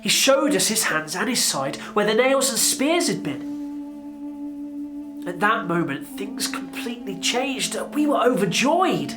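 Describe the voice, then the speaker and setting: A man's voice: sits high, sing-song, measured pace. Man doing reflective old apostle telling his story, earnest, music under him. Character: older male apostle recalling his past. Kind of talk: dramatic narration.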